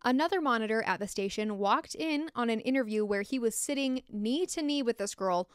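Her pitch fairly high and her pace fairly quick, a young American woman delivers scripted true-crime narration in a frank, informal way with candid asides. She's close to a desktop mic in a small log-walled room, and the clean-toned recording is dry.

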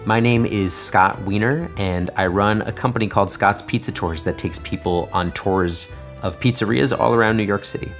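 Man, lowish voice, plain explainer, interview clip with soft music under. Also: normal speed. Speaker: pizza tour guide.

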